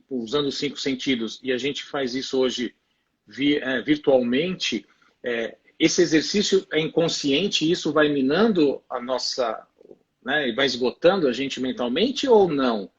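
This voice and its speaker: A man's voice: medium pitch, slightly rough. A man with a Brazilian Portuguese accent hosting a live video interview, recapping for viewers and posing questions with hesitant fillers. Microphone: video call. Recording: dull lo-fi video call audio.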